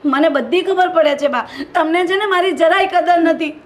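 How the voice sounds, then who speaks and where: An actress playing a hardworking, resentful daughter-in-law who complains constantly, with a Gujarati accent. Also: female voice, very high voice, normal speed. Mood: aggrieved. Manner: complaining, aggrieved.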